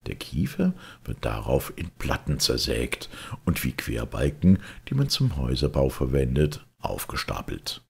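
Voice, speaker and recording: In an extremely low, husky voice with a heavy rasp, a man narrates a classic audiobook. He reads the literary prose like a storyteller, measured and expressive.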